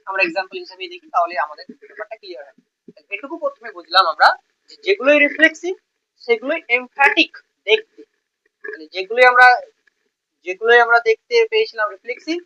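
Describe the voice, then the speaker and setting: Bright-voiced male Bengali grammar teacher. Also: very high voice, dull audio. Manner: explains step by step, repeats words, checks in often. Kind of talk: grammar lesson.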